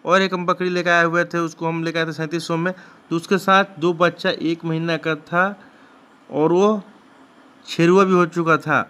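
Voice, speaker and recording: Here a man from Bihar, India, who farms goats and hosts a channel, talks his way casually through clips of his goat shed, circling back, repeating and restarting often. The pitch is fairly high with little movement, the pace moderate, and the tone bright and forceful.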